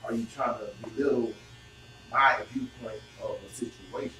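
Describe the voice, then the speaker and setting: A man in his thirties hosting a casual group podcast chat, talking animatedly with slang and quick interjections. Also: mid-range voice, steady tone. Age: 30s. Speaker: podcast host. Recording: echoey room, mic at a distance, faint noise.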